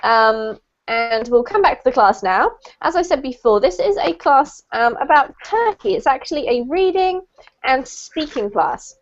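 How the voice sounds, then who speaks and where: A woman's voice: sits high, lively intonation, unhurried, muffled recording. A woman teaching a live online English class, chatty and speaking straight to her students over a video call.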